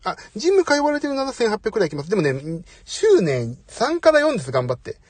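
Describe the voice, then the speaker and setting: A man's voice: high voice, huge pitch swings, brisk, slightly rough, no room sound. A middle-aged man hosting a casual live audio chat, talkative, apologetic and self-deprecating, speaking into a phone. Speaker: host. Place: parked outside, away from home.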